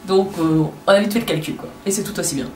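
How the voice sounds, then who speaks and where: A young woman chats away about her hair routine, crude and quick to mock herself. She sounds a little off-mic, in a roomy, echoey bathroom. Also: on the low side, distant mic, noisy background. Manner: chatty, crude, self-mocking. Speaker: beauty vlogger. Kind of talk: casual chat. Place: home bathroom.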